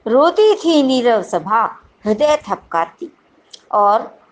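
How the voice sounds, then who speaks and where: A woman's voice: a little high, rough recording. A woman teacher explaining a poem in a lesson, reading each verse aloud and then paraphrasing it carefully. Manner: reads verse lines aloud, then paraphrases them deliberately.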